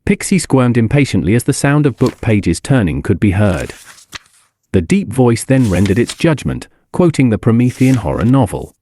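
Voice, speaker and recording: Lively male storybook narrator. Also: mid-range voice, normal speed, slight background noise. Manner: expressive, lively reading.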